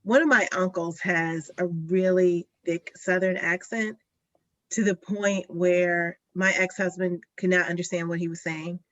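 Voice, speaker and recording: A woman with a somewhat low voice, chatting in a relaxed way. She is supportive and encourages the others. She tells a family anecdote. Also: a little slow, no echo, dull audio. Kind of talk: casual chat.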